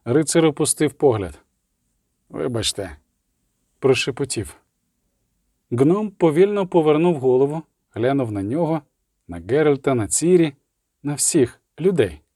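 A man reading an audiobook in a steady, somber way. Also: a little high, moderate pace, no room sound, clean studio sound. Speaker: audiobook narrator. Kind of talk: scripted narration.

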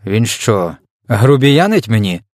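A man's voice: medium pitch, animated, fast talker, darkish tone, husky, dry recording, clean studio sound, voice pushed up. A man reading an audiobook, voicing a pompous, easily offended male air force commander. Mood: indignant. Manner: indignant, stiff, pompous. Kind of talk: storybook character voice.

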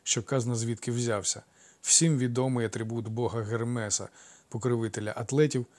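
Male audiobook narrator, measured and expressive. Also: medium pitch, no echo.

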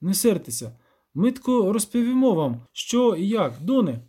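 Give me a man doing a jittery, chatty village peasant, high-pitched and mellow, rambling in a folksy way. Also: big pitch swings, moderate pace, breathy edge, heavily acted. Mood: anxious, rambling. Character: nervous rustic peasant man, talkative.

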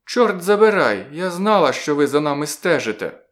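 A shrill, frightened blonde woman, as a male reader puts her on. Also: sing-song, moderate pace. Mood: angry. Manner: shrill, snapping. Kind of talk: audiobook reading.

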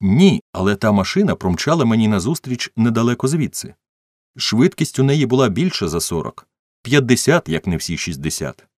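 A man's voice: medium pitch, big pitch swings, moderate pace, darkish tone, dry recording, clean studio sound, pitched above the performer's own voice. A man voicing a well-dressed male bystander giving an eager, insistent account.

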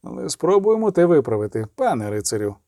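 A man's voice: mid-range voice, sing-song, fast talker, dark tone, no room sound, studio quality. A man voicing a grim, terse male witcher who mutters his lines.

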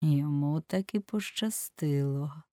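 A woman reading aloud voices an ironic, cynical aristocrat who talks in a dry, mocking, unhurried way. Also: low-pitched, warm tone, dry recording. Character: suave ironic aristocratic man, amused and cynical.

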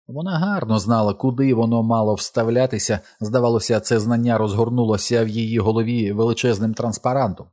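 A man reading a novel aloud as an audiobook narrator, in a measured, dramatic way. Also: medium pitch, a little mellow.

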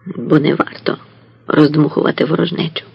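A wise old goatherd who talks calmly and in measured sayings, as a male reader plays him. The voice is gravelly and husky, and fairly high for a man. It comes across dry and slightly muffled. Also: no room sound, full character voice. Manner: calm, measured and proverb-like.

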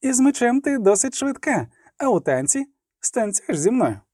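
A man voicing a bold young female elf dancer who shouts to rouse the crowd, in an audiobook. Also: very high voice, sing-song, normal speed, slightly rough, no echo, studio quality, voice pushed up, full character voice. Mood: rousing, brash. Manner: loud, commanding, rousing the crowd. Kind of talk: audiobook character voice.

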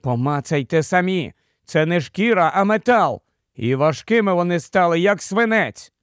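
A man reading the part of a sensible, quick-thinking boy in a storybook, speaking earnestly. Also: sits high, lively intonation, dry recording, clean studio sound.

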